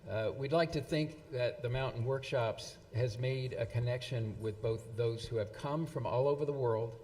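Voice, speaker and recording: A man presenting at an event, reading quotations in a halting way with many fillers and restarts. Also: medium pitch, a little mellow, a little hiss or hum. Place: event hall. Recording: long hall reverb.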